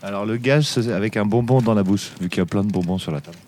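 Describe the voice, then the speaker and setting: A man's voice: on the low side, fast, darkish tone, a little hiss or hum. A man, a radio columnist, joking playfully during a game.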